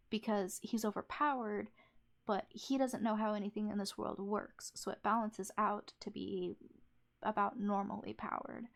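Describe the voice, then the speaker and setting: A woman talks through her opinions in a casual, unscripted way. Her delivery is slow and halting, full of fillers and self-corrections. A marked vocal fry runs through her mid-pitched voice. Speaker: anime reviewer.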